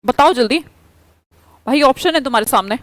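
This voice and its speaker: Brisk high-voiced Indian woman teacher. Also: lively intonation, no echo, poor audio. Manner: brisk, prods students for quick answers. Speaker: English grammar teacher. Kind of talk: online class lecture.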